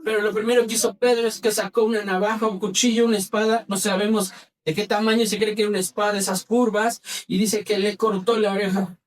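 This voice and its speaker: A male pastor preaching in church, quizzing the congregation and having them repeat phrases back, moving between brisk and slow, soft delivery. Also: sits high, flat delivery, recorded from a distance. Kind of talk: sermon.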